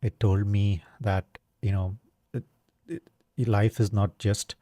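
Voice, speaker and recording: A man's voice: lowish voice, level tone, slow, warm tone, dry recording. A man from India hosting a solo podcast, talking in a casual, thoughtful way, with lots of "um", "you know" and "right?". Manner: casual, thoughtful, many fillers and tag questions. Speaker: podcast host. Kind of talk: reflective solo talk.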